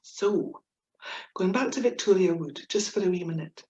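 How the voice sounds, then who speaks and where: A woman's voice: on the low side, normal speed, a little mellow. A woman writer from Scotland with a broad Scottish accent, giving a humorous talk with playful, self-mocking, theatrical delivery. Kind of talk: humorous presentation with read-out verse. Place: indoor room, talk with slides. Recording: echoey room, dull muffled sound.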